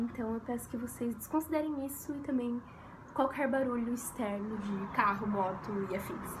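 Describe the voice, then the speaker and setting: A young Brazilian woman talks through an exam essay in a casual, chatty lesson, her slightly high voice hoarse from a cold. She leans on fillers as she goes. Traffic noise from the street carries clearly into the room. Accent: Brazilian Portuguese. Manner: chatty, many fillers like "é" and "sabe". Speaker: essay tutor. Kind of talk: casual vlog-style lesson. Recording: noisy room with street sounds.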